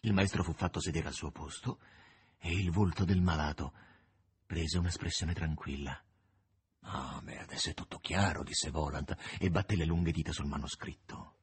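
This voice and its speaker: A man reading a novel aloud, expressive and varied. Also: rumbling low, moderate pace, husky. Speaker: narrator. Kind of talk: audiobook narration.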